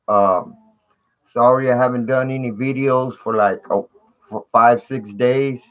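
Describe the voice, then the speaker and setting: A man's voice: mid-range voice, steady tone, measured pace, highs cut off. A man hosting a casual live stream, greeting viewers in slangy, repetitive talk through fuzzy, distorted audio. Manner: slangy, repeats "man" and "you know".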